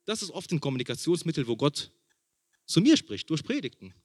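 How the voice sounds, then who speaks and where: A man preaching to his congregation, his voice somewhat higher than most men's. He stacks repeated phrases to build emphasis, then sinks to a soft, hushed delivery when he gets personal. The sound is close and dry, with no room around it. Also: big pitch swings, a little fast, no echo. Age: young adult or middle-aged, father of a small son. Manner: preaching with rising emphatic repetition and questions to the congregation; drops to a soft hushed tone for intimate points. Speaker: pastor. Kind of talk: sermon.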